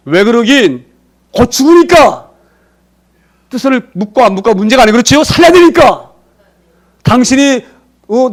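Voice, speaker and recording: A pastor preaches an emphatic sermon, posing rhetorical questions to the congregation. He acts out quoted voices with sharp swings in pitch and loudness.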